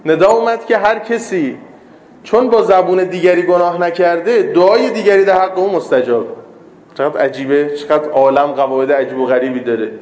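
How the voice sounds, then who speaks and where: Man, sermon, storytelling preacher, rhetorical questions, fairly high voice, echoey room. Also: darkish tone. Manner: storytelling, voicing quoted characters, rhetorical questions. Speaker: cleric giving a religious lesson. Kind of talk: sermon with anecdotes.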